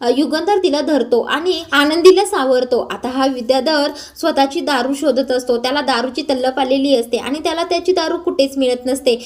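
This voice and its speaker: High-voiced woman recapping a serial. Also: moderate pace, few pauses. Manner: steady recap narration with hesitation fillers. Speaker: serial episode narrator. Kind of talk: casual episode retelling.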